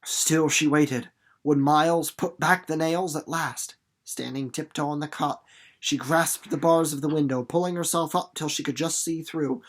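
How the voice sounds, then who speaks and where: Speaking on the high side at a normal speed, a man gives an expressive story reading and chats through it casually like a playful, folksy, animated teacher.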